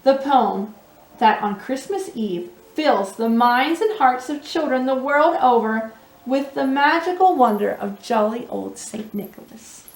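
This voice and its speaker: A woman hosts a children's storytime, reading aloud expressively and speaking to young listeners with teacherly questions and asides. Her high voice is animated and her pace measured. The recording has a roomy echo with music underneath.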